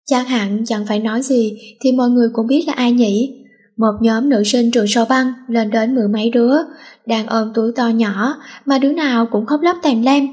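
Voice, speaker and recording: A woman reading a teen novel aloud in a steady, plain storytelling manner. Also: on the high side, normal speed.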